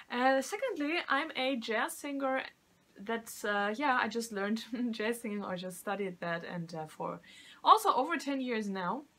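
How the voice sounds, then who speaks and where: With a mid-range, fairly bright voice, a middle-aged tarot reader and vocal coach, English not her first language, speaks casually to camera, often restarting and using fillers.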